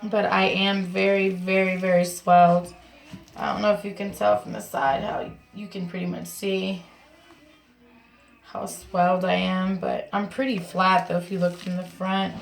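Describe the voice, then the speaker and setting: A woman's voice: medium pitch, steady tone, measured pace, gravelly, rough recording. A woman vlogger talking casually and informally to camera, explaining things in a chatty way from her bathroom at home. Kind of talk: casual vlog talk to camera.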